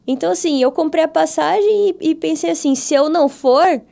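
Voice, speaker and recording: Brazilian woman guest, high and mellow, fry in the voice, animated storyteller who plays out every quote. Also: brisk. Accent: Brazilian Portuguese. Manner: animated, acts out quoted dialogue with her voice. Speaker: podcast guest. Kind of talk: testimony storytelling in a casual interview.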